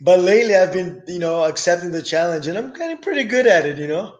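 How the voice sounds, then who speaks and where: A middle-aged man who grew up in Brazil, guest in a casual interview, relaxed and enthusiastic with hesitant restarts. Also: high voice, quick pace, dull audio. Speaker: guest, business owner.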